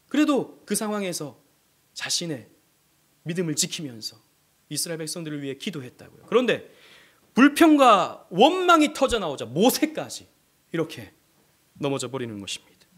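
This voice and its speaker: Male pastor, impassioned sermon delivery; high voice with a very animated pitch range; rhetorical questions, loud-to-hushed dynamics. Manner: impassioned preaching with sharp swings between loud and hushed.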